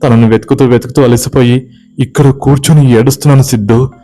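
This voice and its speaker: A man's voice: medium pitch, unhurried, dark tone, husky, faint music behind, pitched above the performer's own voice. A man voicing a distraught middle-aged village woman, tearful and frantic.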